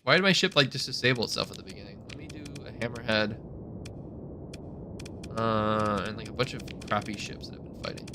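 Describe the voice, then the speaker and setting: A man's voice: fairly low pitch, fairly quick, noisy background. A young man streaming a space strategy game, thinking aloud and mocking his own mistakes with frequent exclamations. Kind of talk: casual gameplay commentary.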